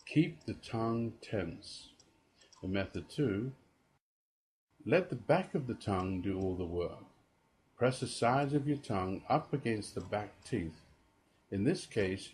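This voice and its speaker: Slow, enunciating male ESL teacher. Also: fairly low pitch, a little mellow. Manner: slow, deliberate enunciation with drawn-out example words. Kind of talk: pronunciation lesson. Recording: echoey room with long reverb.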